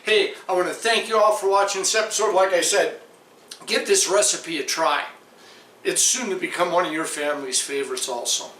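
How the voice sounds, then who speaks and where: A man hosting a casual home cooking vlog, talking slowly and savoring the food as he tastes it in his kitchen. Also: sits high, reverberant. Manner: slow, relaxed, savoring food between lines. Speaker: cooking show host.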